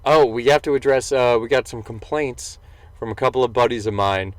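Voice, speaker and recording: A man's voice: medium pitch, a little fast, no echo. A young man co-hosting a podcast in casual, joking chat, swearing freely. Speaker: podcast co-host.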